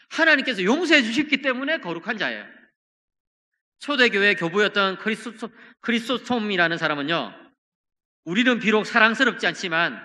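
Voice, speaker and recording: A middle-aged male pastor preaching a sermon, earnest and shifting between emphatic and hushed delivery. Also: high voice. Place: church sanctuary. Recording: church hall reverb.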